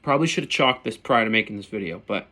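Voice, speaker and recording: A man's voice: fairly low pitch, lively intonation, quick pace, heavy background noise. A man talking informally and bluntly, with mild swearing and slang, as a hunter casually showing and explaining his gear. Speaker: turkey hunter presenting his calls. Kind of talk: casual hands-on gear demonstration.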